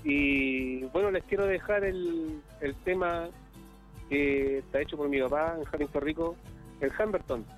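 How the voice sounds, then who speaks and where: A man from northern Chile with a Chilean accent, a musician calling in as a guest, chatting casually with pauses and fillers over a bad internet connection that keeps cutting out. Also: a little high. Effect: choppy internet call audio that cuts out. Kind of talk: casual chat over a call. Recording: tinny phone-like call line with faint music.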